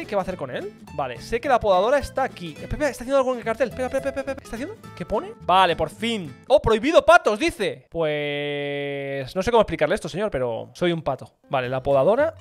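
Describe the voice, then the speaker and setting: Excitable gamer man from Spain. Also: high voice. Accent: Spain Spanish. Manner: excitable, chatters to game characters, sudden yelps. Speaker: gaming YouTuber. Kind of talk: gameplay commentary.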